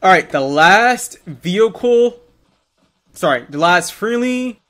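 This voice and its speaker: In a military roleplay game, a man plays a drill instructor briefing trainees, directing and correcting them as he goes. His voice is high-pitched and sharp, with lively intonation and a slow pace.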